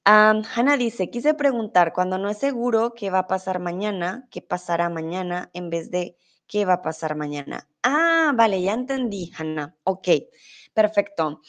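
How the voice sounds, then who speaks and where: A woman's voice: mid-range voice, animated, moderate pace. A woman teaching a live online Spanish class, patiently reading out student comments and explaining grammar, her voice a little off today. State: voice a bit off today.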